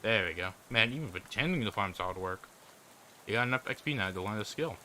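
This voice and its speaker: A man's voice: fairly low pitch, animated, brisk, pushed and bright, a little hiss or hum. A man giving casual let's-play commentary, musing aloud and trailing off as he thinks. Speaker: gameplay commentator.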